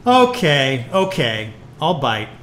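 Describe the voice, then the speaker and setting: On stage live in a club, a woman performs a bitter, wisecracking retired male jazz musician in a noir audio play, sardonic and weary, talking hep-cat slang and stammering when rattled. Her exaggerated voice rumbles low and slow with big pitch swings, and loud music plays behind it.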